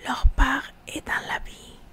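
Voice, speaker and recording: Casting: female ASMR reader, hushed library whisper, unhurried and slightly halting scripture reading. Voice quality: hushed library-style whisper, mostly unvoiced. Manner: slow, halting reading with repeated words.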